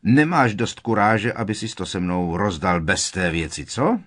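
A man's voice: sits low, big pitch swings. A man voicing a sullen, sneering teenage bully who snaps and growls his retorts. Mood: sulky. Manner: sulky, snapping, growling retorts.

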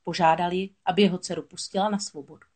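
A woman narrating a children's storybook aloud in a steady, expressive voice. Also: lowish voice.

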